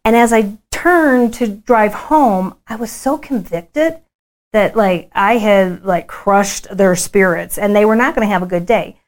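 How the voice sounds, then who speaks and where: A woman's voice: medium pitch, unhurried. A woman, candidly telling personal family stories in a conference talk.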